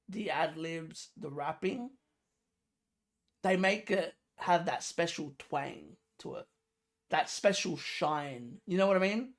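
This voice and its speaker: Pitched at a medium level, this voice belongs to a reaction video host offering music commentary. The talk is loose and full of slang, with lots of emphasis, repetition and rhetorical questions.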